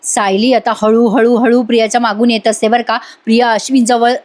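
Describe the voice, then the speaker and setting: A woman's voice: fairly high pitch, little pitch movement, a little fast, darkish tone. A woman narrating a voice-over recap of a TV serial episode in a chatty way, often speaking straight to the viewers. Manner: chatty, addresses the audience directly.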